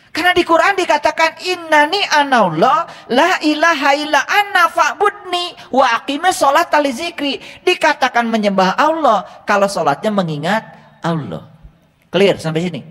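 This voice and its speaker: A man's voice: high voice, fairly bright tone, in a large hall. A man giving an Islamic sermon as a religious teacher, often asking his listeners rhetorical questions. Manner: asks the audience rhetorical questions.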